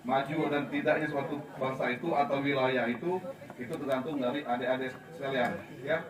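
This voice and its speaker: A man's voice: mid-range voice, fairly even intonation, brisk, crowd noise. A police officer in his forties gives a talk to a youth group, repeating key points and asking the young people questions. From Belitung, Indonesia. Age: 40s. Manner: repetitive, explaining, asks the audience questions. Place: outdoor sports field gathering. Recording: roomy, distant, noisy outdoor recording.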